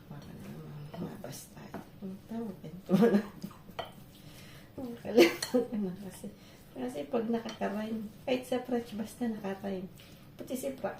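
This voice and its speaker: A woman's voice: medium pitch, creaky, noisy background. A woman from the Philippines chatting casually while she cooks for her vlog, often laughing as she tells stories. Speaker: vlogger. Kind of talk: casual cooking vlog chat. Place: home kitchen. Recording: echoey kitchen with loud clatter.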